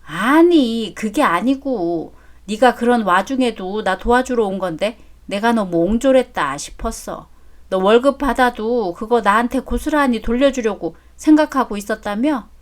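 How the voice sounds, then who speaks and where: A woman's voice: a little high, animated, moderate pace, natural voice. A woman voicing a brash, greedy older mother-in-law who talks bluntly and coarsely in a story drama. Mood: softened. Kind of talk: story drama read aloud.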